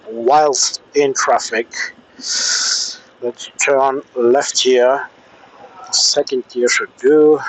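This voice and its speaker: A man with a mid-range voice records a casual vlog from his motorcycle in traffic outdoors, testing his gear as he goes. The helmet intercom audio is low quality, with faint vehicle and air noise, and he talks in a halting way with frequent pauses.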